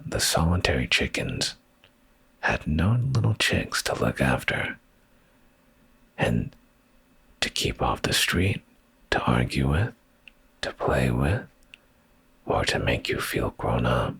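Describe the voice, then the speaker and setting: A man's deep, gravelly, breathy voice reads a bedtime story softly as ASMR, close to the microphone and often slipping into a whisper. Drowsy and soothing, he speaks slowly with big swings in pitch and long pauses.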